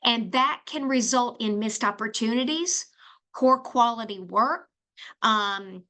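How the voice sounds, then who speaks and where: A woman's voice: on the high side, slow pace, pushed and bright. A middle-aged woman hosting a solo podcast, telling a personal story and giving advice in a chatty way, with fillers and restarts. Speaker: podcast host.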